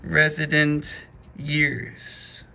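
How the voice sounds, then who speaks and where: A man's voice: a little high, monotone, drawn-out words, gravelly, pushed and bright. A man giving a casual programming lesson, talking through code step by step in a chatty way. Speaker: programming instructor. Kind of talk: casual screen-recorded coding lesson.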